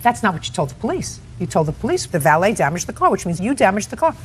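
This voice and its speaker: A woman judge questioning litigants in a courtroom, sharp and interrupting, scolding them. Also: mid-range voice, big pitch swings, quick pace, a little hiss or hum.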